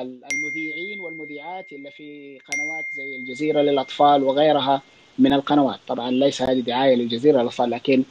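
A man with a Saudi accent, a child psychiatrist, talks quickly through listener questions in a loose, explanatory way, full of fillers and restarts. His voice sits a little high for a man. The sound is dull and lo-fi, like a voice streamed through an online audio room. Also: a little mellow, a little hiss or hum. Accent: Saudi Arabic. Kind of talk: casual spoken Q&A on an online audio space.

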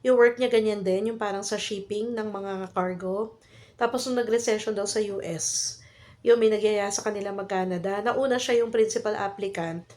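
This vlogger, a Filipino-accented woman in her thirties from the Philippines, has a mid-range, slightly mellow voice with fairly even intonation and normal speed. Suffering a cold and cough, she tells a casual story in chatty Taglish full of fillers and tag questions.

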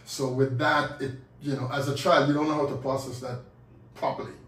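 A man with a Kittitian and Statian Caribbean accent talks as an interview guest, sharing personal stories casually. His voice is mid-pitched and sits a little away from the mic in a roomy space. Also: little pitch movement, brisk, fairly bright tone, far from the mic. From born in Saint Kitts, grew up in Sint Eustatius. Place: radio studio. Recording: roomy, off-mic, faint noise.

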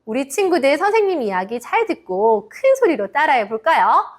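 A middle-aged woman teaching an English lesson to children, prompting them to repeat phrases in a slow, sing-song teacherly way. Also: sits high, sing-song. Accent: Korean.

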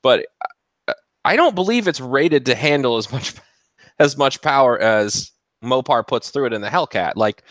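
A man's voice: mid-range voice, animated, normal speed, a bit bright, no echo. A man, a mechanic, talking cars in a casual chat and laughing often. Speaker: mechanic, guest.

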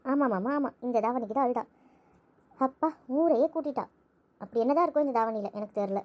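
A woman's voice: a little high, a little fast, muffled recording, natural voice. A woman playing a chatty, gossipy young relative in an amateur audio drama, rattling on with complaints.

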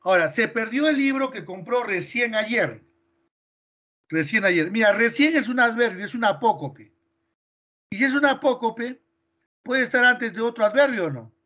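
A man's voice: very high-pitched, lively intonation, normal speed, sharp tone, dull audio. A male teacher with a Peruvian Spanish accent explaining grammar in class, quizzing his students with questions step by step.

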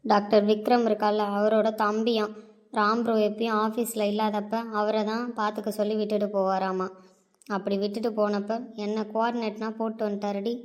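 A woman's voice: medium pitch, flat delivery, a little fast, close to an everyday voice. A woman voicing a sulky young woman complaining to her friend about a grumpy man, in a read-aloud audio story. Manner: grumbling, exasperated storytelling of a grievance.

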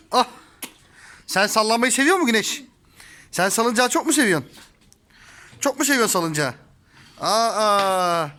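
A woman's voice: fairly high pitch, pushed and bright. A woman talking playfully to her toddler in a garden, coaxing her in a sing-song way. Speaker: parent filming her toddler. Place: home garden by a swing.

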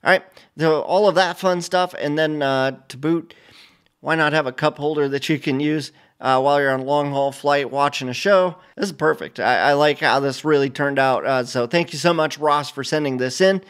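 Rambling middle-aged man, slightly high voice. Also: normal speed, clear, resonant tone. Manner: relaxed, rambling, many fillers and restarts. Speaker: flight sim channel host. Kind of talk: casual screen-share commentary. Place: home studio, indoors.

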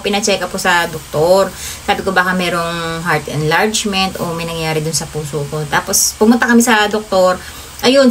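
A woman's voice: mid-range voice, a bit bright, a little hiss or hum, poor audio. A woman telling a personal story to her viewers in a casual vlog, often calling them guys. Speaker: vlogger.

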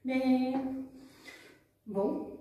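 A woman's voice: high-pitched, drawn-out words. Woman telling a children's tale, full of little oh's and ah's, far from the mic. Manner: animated, breathy exclamations. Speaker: storyteller. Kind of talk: storytelling for children. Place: museum. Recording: echoey room from far off.

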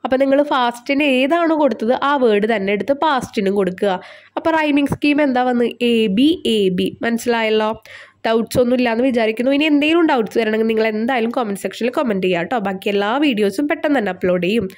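Woman teacher, higher voice. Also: fast talker. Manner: explains step by step, asks and answers questions. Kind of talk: tutorial lesson.

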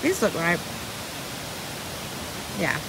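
A woman's voice: on the low side, huge pitch swings, gravelly, background noise. A woman chatting casually as she films a walking tour of a forest trail, pointing out the sights and exclaiming at the scenery, recorded on a handheld phone. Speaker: travel vlogger. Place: forest trail by a waterfall, outdoors. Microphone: handheld phone camera. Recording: loud rushing water over the voice.

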